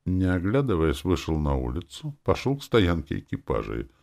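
A man narrating a first-person fantasy audiobook in a dramatic, expressive storytelling manner. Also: sits low, moderate pace, gravelly.

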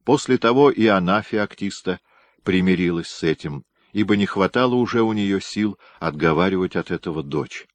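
Low-voiced guy reading an audiobook, dry studio sound, measured. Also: animated, no echo. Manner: measured, storytelling. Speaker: audiobook reader. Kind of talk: scripted narration.

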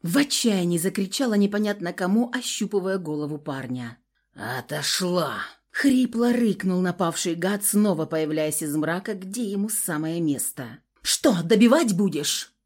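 Woman reading an audiobook in first person, really dramatic and expressive. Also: on the low side, moderate pace, few pauses. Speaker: audiobook narrator.

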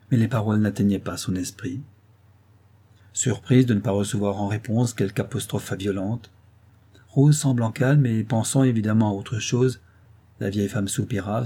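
A man narrating a novel in a measured, even reading. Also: on the low side, husky. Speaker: audiobook narrator. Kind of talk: scripted literary narration.

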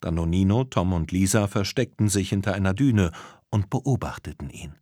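Husky, lively storytelling man. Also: low voice, normal speed, no room sound, clean studio sound. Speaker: narrator. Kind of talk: scripted children's story narration.

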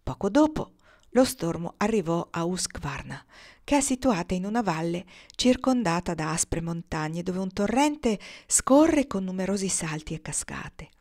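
A woman reading a storybook aloud in a measured, expressive narration. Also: lowish voice. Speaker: audiobook reader.

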